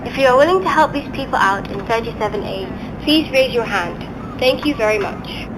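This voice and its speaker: A woman's voice: on the high side, lively intonation, a little fast. A woman flight attendant making a polite, procedural plane cabin announcement. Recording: noisy aircraft cabin announcement. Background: aircraft cabin noise.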